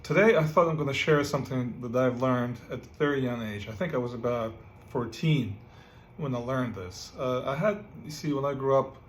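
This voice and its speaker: Guitar playing runs through this casual music lesson led by a man from Ukraine, who keeps asking "right?" between filler words. He speaks at a moderate pace in a mid-range voice, with slight background noise.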